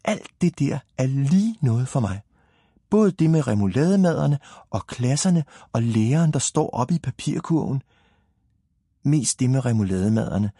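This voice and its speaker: Brief: man reading as a wide-eyed storybook boy, husky and dark, bursting with excitement. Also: lowish voice, dry recording, clean studio sound. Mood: eager. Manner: eager, exclaiming. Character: excited little boy, eager and curious.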